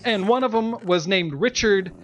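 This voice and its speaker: A man's voice: sits high, moderate pace, a little hiss or hum. A man co-hosting a Let's Play, chatting casually in a rambling, self-mocking way and laughing often. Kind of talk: casual gameplay chat.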